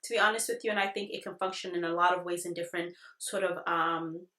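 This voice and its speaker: A woman's voice: fairly low pitch, fairly even intonation, quick pace, pushed and bright. Echoey, chatty woman reviewing a product. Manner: chatty, addresses viewers directly. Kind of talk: casual video product review to viewers. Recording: echoey, roomy sound.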